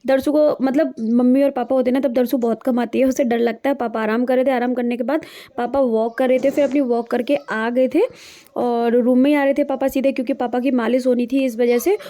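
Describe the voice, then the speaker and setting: A woman's voice: a little high, steady tone, brisk, dark tone. A young woman narrating her day in a chatty, diary-like home vlog. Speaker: vlogger.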